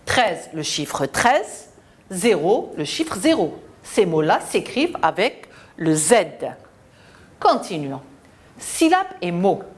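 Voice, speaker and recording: A woman teacher giving a slow, deliberate phonics lesson to children, spelling out letters and syllables. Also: lowish voice, big pitch swings, slightly rough.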